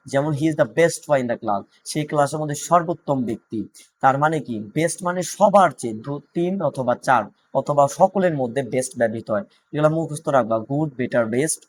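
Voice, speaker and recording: A man's voice: mid-range voice, moderate pace. A man with a Bangladeshi Bengali accent teaching an English grammar class, repeating points and asking students check questions.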